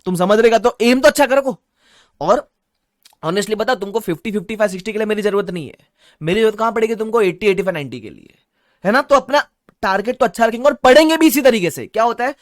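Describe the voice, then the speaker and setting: Energetic Mumbai man teaching live. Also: high-pitched, no echo, clean studio sound. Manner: energetic, mixing Hindi and English; reads viewer chat aloud. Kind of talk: live-streamed online lecture.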